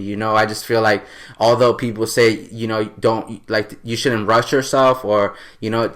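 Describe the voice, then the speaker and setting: Hosting his podcast, this late-twenties New Yorker comes across earnest and casual, wandering through his points with many fillers. The voice is lowish, with a slightly bright edge.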